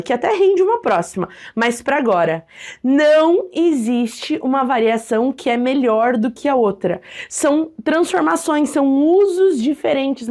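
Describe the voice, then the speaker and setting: A woman teacher gives a video lesson in a lively, playful manner. Her voice is high, and she often slips into little acted examples. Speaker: Portuguese language teacher.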